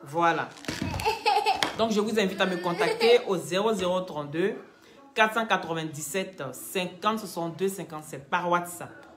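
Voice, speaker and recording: A woman runs a live stream at a normal pace, chatting casually as she teases and scolds commenters. Between the banter, she pitches products to her viewers.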